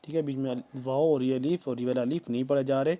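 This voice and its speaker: A man teaching Quran recitation, drawing each verse out slowly, then explaining pronunciation rules in quick plain speech. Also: medium pitch, steady tone, dark tone. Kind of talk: tajweed lesson, slow word-by-word recitation.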